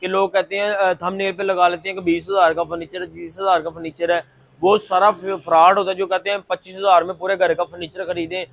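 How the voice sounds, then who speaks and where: A man, giving an unscripted, insistent and repetitive showroom sales pitch as host. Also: little pitch movement, brisk, a bit bright, a little hiss or hum. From Pakistan. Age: 20s. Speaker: furniture showroom owner and video host. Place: large indoor furniture showroom. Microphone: clip-on lapel mic.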